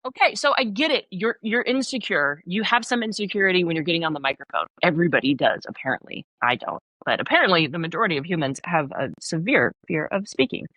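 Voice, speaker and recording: A woman's voice: on the low side, fast, few pauses, dry recording. A woman from the American South, a leadership coach who talks in an emphatic, blunt way and acts out little scenes as a podcast guest. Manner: emphatic, blunt, animated storytelling. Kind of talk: podcast interview.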